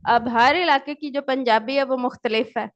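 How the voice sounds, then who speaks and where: A woman lecturer giving an online class, who asks her students questions and answers them herself. She reads English definitions out slowly and explains them in Urdu. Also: sits high, steady tone. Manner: switches between English and Urdu. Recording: dull lo-fi recording.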